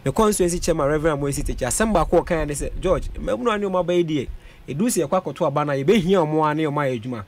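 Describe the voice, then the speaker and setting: Slight background noise accompanies a young Ghanaian man's very fast, higher-pitched speech. A parliamentary aspirant in a radio studio interview, he blends Twi and English and rattles off vote figures at a boom-mounted studio mic.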